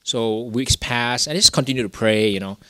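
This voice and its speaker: A man's voice: mid-range voice, a little fast, sharp tone, no room sound. A young man from Singapore, telling a personal story in a rambling way, full of fillers and restarts. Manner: rambling, many "you know" fillers and restarts. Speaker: guest telling his story. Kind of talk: casual testimony.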